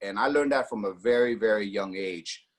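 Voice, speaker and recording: A man in his forties from Austria, appearing as a network marketing guest, tells his personal story casually, full of fillers and acted-out quotes. He speaks at a normal speed with a fairly low pitch.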